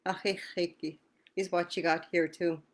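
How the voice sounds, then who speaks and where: A woman's voice: on the low side, flat delivery, measured pace. A woman teaching a language lesson on a video call, patiently repeating words and answering questions.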